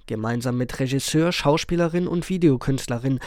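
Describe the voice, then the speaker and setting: A man reporting for community radio, narrating a feature in an earnest, measured read. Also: medium pitch, darkish tone, dry recording, clean studio sound.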